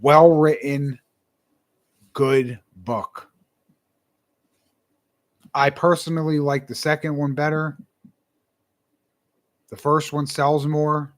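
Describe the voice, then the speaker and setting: A man's voice: fairly high pitch, level tone, takes it slowly, pauses often. A young man, a self-published author, talking casually and earnestly to camera, rambling and repeating his words.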